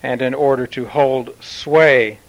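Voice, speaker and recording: A man channeling a solemn male Martian commander who addresses Earth in formal, measured pronouncements with long pauses. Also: mid-range voice, steady tone, rough recording. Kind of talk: channeled spiritual message.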